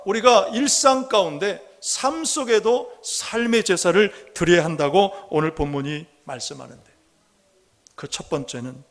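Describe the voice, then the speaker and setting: A man preaching a Sunday sermon as pastor, earnest, asking rhetorical questions and slowing down to read scripture aloud. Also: high-pitched, fairly bright tone. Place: church sanctuary. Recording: long reverb of a church hall.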